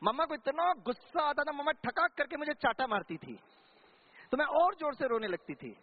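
A man's voice: very high-pitched, sing-song, normal speed. A man voicing a stubborn, clever seventh-grade girl who complains in a pleading way. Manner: pleading, matter-of-fact complaining. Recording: tinny phone-like sound.

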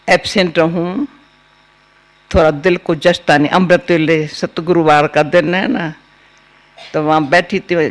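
Slow, gravelly older woman. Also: low-pitched. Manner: slow, homely storytelling. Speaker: spiritual teacher. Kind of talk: spiritual discourse with personal anecdotes.

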